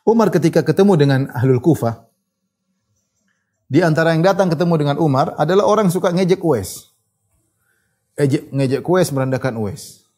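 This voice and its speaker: A man giving a religious lecture, reciting Arabic narrations and retelling them in a lively storytelling way. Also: on the high side, brisk, pauses often. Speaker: Islamic preacher.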